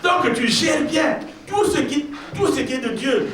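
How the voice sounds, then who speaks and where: A male pastor preaches in a high, animated voice that swings widely. He presses his points by repeating phrases and calls out to the congregation. The sound is heavily echoey, picked up from far off in a church with a faint hiss. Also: unhurried. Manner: emphatic, repeats key phrases, addresses congregation directly. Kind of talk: sermon. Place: church hall.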